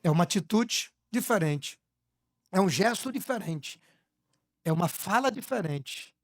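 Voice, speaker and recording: Brief: middle-aged male preacher, dry close sound, calls out lines again and again, loud then quiet. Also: high voice, lively intonation, unhurried, no echo. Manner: repeats exhortations, swinging from shouted to hushed. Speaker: pastor. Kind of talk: live church sermon. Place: church service before a congregation.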